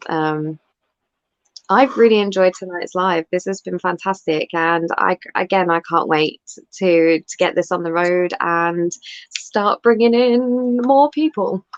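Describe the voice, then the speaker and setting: A woman hosting her channel's live chat from home, speaking a little haltingly as she wraps up. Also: fairly low pitch, no room sound, muffled recording. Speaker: channel host.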